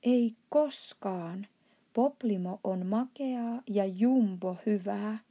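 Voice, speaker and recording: A huge, good-natured old giant bellows in broken, made-up words, played by a woman reading aloud. The voice is dark and gravelly with a husky edge. He swings from earnest explaining to loud indignation, a storybook giant. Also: medium pitch, lo-fi sound, lightly acted. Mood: indignant, shouting. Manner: mangled grammar and made-up words, shouts in outbursts. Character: huge kindly old male giant, blustering.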